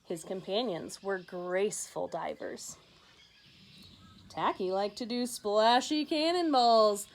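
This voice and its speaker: A woman teacher reads a picture book aloud to children, narrating animatedly and adding conversational asides for her young listeners. Her voice is medium-pitched, she takes her time, and there's slight background noise.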